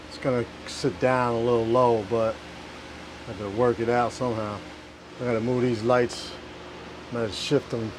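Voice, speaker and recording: Offhand man muttering over noisy background hum. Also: mid-range voice. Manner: offhand, muttering to himself, swearing. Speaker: DIY vlogger. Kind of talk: casual hands-on work vlog. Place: inside a food truck. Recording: clear vehicle and fan noise.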